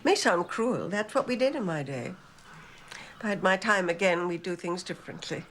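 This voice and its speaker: An elderly English mother with the cool air of a dowager duchess. Her speech is genteel and clipped, with lively swings of pitch. The television drama recording has clear background noise. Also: moderate pace. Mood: cool, imperious. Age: older. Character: cool, haughty elderly mother of a grown son.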